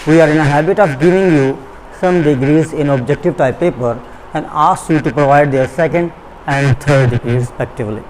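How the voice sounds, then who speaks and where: A man with a Pakistani accent teaching English in a recorded online lecture, shifting between slow, deliberate English and quicker Urdu explanations. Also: on the high side, darkish tone, slight background noise, low-quality recording. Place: school classroom or studio.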